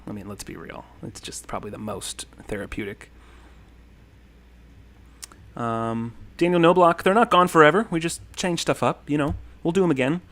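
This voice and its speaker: This thirty-something livestream host has a fairly high, bright voice with lively intonation and a moderate pace. He rambles amiably through viewer comments, dropping plenty of ums and thanking people as he goes.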